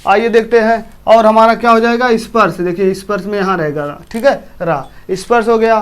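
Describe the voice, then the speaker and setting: A man's voice: sits high, brisk, a bit bright, smooth. A man teaching a class with a Hindi accent from eastern Uttar Pradesh, often repeating himself and asking his students questions. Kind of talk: classroom lesson.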